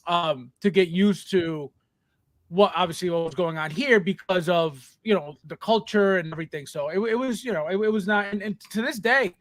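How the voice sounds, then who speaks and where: Host, high-voiced man from Colombia, Spanish-native, halting and chatty, dry close sound. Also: fairly bright tone, no room sound. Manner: halting, full of restarts. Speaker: podcast host. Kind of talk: casual podcast chat.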